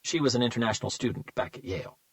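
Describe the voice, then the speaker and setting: In an audiobook reading, a man voices a smug male serial killer, mocking and taunting as he slowly savors each word. His voice is medium-pitched and lightly acted, with no room sound.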